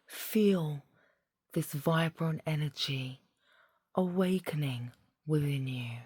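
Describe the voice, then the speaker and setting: A woman leading a guided meditation in a soft, half-whispered voice, soothing and deliberate, phrase by phrase. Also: low voice, breathy edge, no room sound, studio quality.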